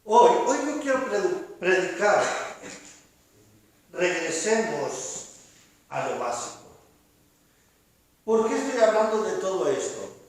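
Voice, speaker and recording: A pastor delivers a sermon in an unhurried, chatty way, mixing jokes with the quoted voices of his congregation. His voice sits high for a man. He sounds distant from the mic, with a strong echo filling the church. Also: big pitch swings. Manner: conversational and humorous, acting out quoted voices. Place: church sanctuary. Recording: roomy echo, speaker far from the mic.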